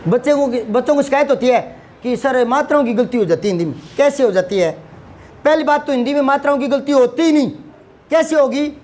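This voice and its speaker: High-voiced scolding teacher. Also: male voice, brisk, a little mellow. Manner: scolding, rhetorical questions, repeats words for emphasis. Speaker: Hindi teacher. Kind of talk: classroom lesson to students.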